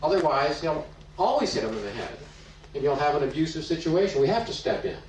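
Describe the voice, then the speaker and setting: A man's voice: fairly high pitch, sing-song, a little fast, slight background noise. Man lecturing from far off in echoey room. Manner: storytelling, asks rhetorical questions. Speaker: psychology teacher. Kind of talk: explanatory lecture.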